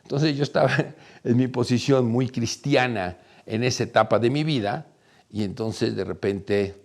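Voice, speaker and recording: A man with a Mexican accent telling a personal story in an animated way, acting out the voices of other people. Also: mid-range voice, unhurried, gravelly. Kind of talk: personal anecdote monologue.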